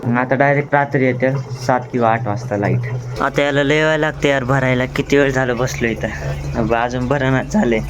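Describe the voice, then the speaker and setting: A young man with a rural Marathwada accent vlogs his day, chatting casually in a fairly even tone at normal speed. It's a noisy outdoor recording with traffic rumbling behind him.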